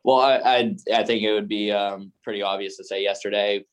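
A man's voice: on the low side, fairly even intonation, clean tone. A young man, a racing driver, answering interview questions earnestly, often restarting his sentences. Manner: earnest, halting with many restarts.

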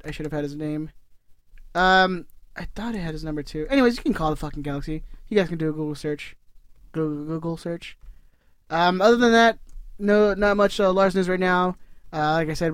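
High-pitched man, clear, casual swearing sports podcaster, laughs a lot. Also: no room sound, clean studio sound. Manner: casual, profane, laughing often. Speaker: podcast co-host. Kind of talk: casual soccer podcast chat.

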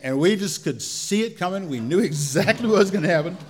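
A man tells a story live to an audience in a folksy, colloquial way, drawing out his phrases and pausing as he goes. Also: high voice, lively intonation.

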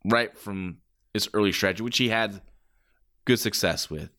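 Low-voiced man calling wrestling like a commentator. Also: measured pace, a bit bright. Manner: reacts in exclamations, swears casually. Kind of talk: casual play-by-play wrestling commentary.

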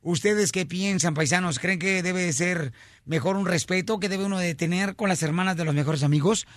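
A man hosting a comic morning radio show, loud, playful and full of slang. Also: high-pitched, normal speed, dry recording, clean studio sound. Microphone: studio microphone.

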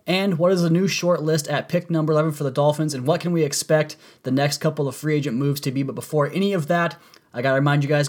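A man hosting a sports podcast with enthusiastic, wordy commentary, his voice strained and congested from a sore throat, like swollen tonsils. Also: fairly high pitch. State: sore throat from a cold, voice partly lost.

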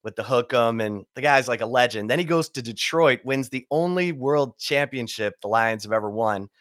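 A middle-aged man hosts a casual sports podcast, chatty and quick to tell stories. His voice sits at an ordinary pitch. The recording is dry and close. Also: lively intonation, no echo. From Michigan. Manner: chatty storyteller, warm welcomes. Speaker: podcast host.

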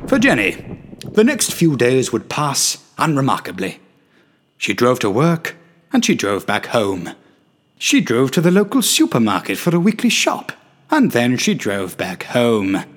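A man's voice: mid-range voice, huge pitch swings, measured pace. A man reading a darkly comic story in a wry, dramatic storytelling manner. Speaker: narrator. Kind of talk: scripted story narration.

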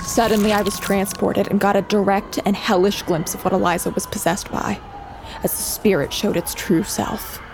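A woman's voice: mid-range voice, normal speed, noisy background, lightly acted. An actress playing a determined young woman who narrates her own ordeal in an audio drama and speaks with urgency in her scenes. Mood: calm narration. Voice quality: steady, earnest narration that turns urgent in dialogue. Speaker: first-person narrator and lead character.

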